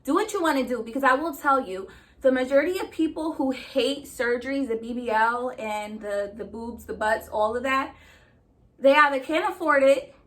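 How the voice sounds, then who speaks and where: A woman's voice: a little high, a bit bright. A woman chatting casually to her viewers in an emphatic, sassy, slangy way, a little short of breath. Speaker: vlogger.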